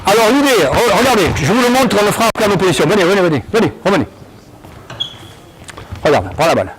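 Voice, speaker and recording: A male basketball coach running an on-court session, explaining drills and barking quick commands at players. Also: high voice, sing-song, very noisy.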